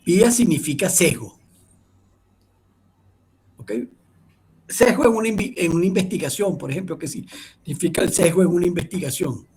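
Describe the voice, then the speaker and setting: A man's voice: high-pitched, moderate pace, pauses often, darkish tone, breathy edge. A middle-aged man giving an online class, rambling with many restarts and checking in with "ok?". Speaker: lecturer.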